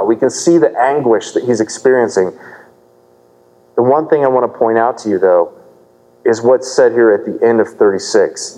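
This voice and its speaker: A man delivers an earnest sermon from the pulpit, unpacking a passage and asking his listeners questions. His voice is dark and mellow. It rings with the long reverb of a big church hall. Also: mid-range voice. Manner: earnest, explanatory preaching with rhetorical questions. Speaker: pastor.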